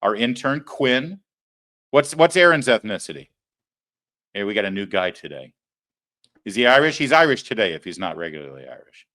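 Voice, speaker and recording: A man hosts a political talk show, his delivery sarcastic and mocking. His pitch swings widely as he riffs and laughs at his own jokes. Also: big pitch swings, moderate pace, pauses often, pushed and bright. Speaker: show host. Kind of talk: opinionated political commentary.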